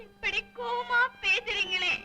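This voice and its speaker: An actress playing a meek, tearful young sister in a 1950s film drama, speaking timidly and plaintively. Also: female voice, extremely high pitch, fairly even intonation, measured pace, pushed and bright, faint music behind, full character voice.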